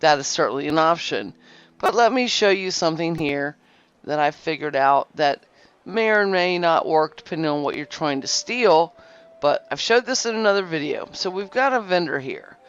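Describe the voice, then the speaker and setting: A woman's voice: low-pitched, expressive, normal speed, clean tone. A woman hosting a game guide video, giving casual tutorial narration over gameplay in a rambling way, correcting herself often. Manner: rambling, self-correcting, lots of fillers. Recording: slightly dull lo-fi recording with faint music.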